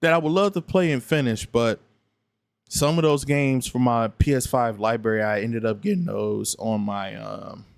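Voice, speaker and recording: A man's voice: mid-range voice, moderate pace, gravelly, smooth, dry recording. Blunt, tired man streaming late at night, keeps repeating himself, dry close sound. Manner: repetitive, blunt, argumentative. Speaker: gaming streamer responding to another streamer. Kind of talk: late-night casual reaction commentary.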